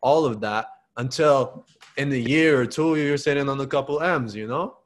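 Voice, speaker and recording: A man's voice: mid-range voice, normal speed. A man in his twenties who hosts a video call interview from an apartment, talking casually with a lot of "man" and "bro". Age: 20s. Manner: upbeat and encouraging, heavy use of "man" and "bro". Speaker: interview host. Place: apartment living room indoors. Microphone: video call setup.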